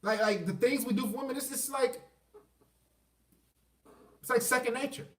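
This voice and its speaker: High-voiced man ranting in an echoey room. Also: normal speed, fairly bright tone. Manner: blunt, crude and repetitive, restarting phrases. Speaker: vlogger. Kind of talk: casual rant to camera. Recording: echoey room, voice far from the mic.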